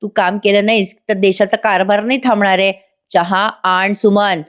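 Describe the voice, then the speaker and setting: A woman's voice: medium pitch, little pitch movement, normal speed, lightly acted. A woman voicing a bossy, threatening husband in a retold serial scene, reading his lines mostly in her own voice. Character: bullying drunk husband Naagraj.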